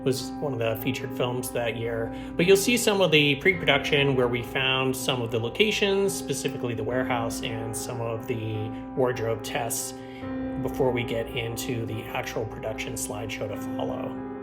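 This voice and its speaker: A man's voice: medium pitch, moderate pace, loud music behind the voice. A filmmaker hosting his own show, casually narrating behind-the-scenes clips in an easygoing, chatty way. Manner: easygoing, chatty, with small laughs and fillers.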